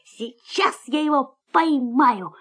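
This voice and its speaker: A woman's voice: sits high, expressive, takes it slowly, sharp tone, full character voice. A woman voicing a small, curious puppy boy who is eager and easily scared, in a children's story reading.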